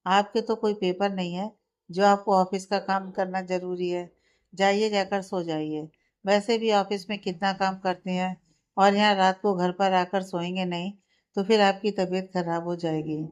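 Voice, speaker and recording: Storybook: sharp-tongued, stubborn young student wife, read by a woman. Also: mid-range voice, fairly even intonation, normal speed, close to an everyday voice. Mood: irritated. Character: stubborn, tired young woman studying for exams.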